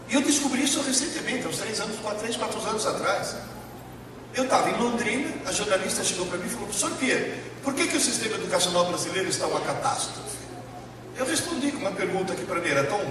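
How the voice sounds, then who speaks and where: Heavy hall reverb and clear noise surround a high-pitched male lecturer from Italy, whose first language is Italian. Giving a motivational educational lecture to a live audience in a large hall, he uses very lively intonation, emphatic dramatic pauses and repetition, heard through a distant mic.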